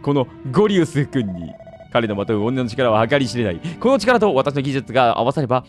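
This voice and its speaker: A man's voice: medium pitch, sing-song, brisk, soft background music, close to an everyday voice. A man voicing a cackling, gloating mad old scientist villain from a fantasy video game. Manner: gloating, theatrical.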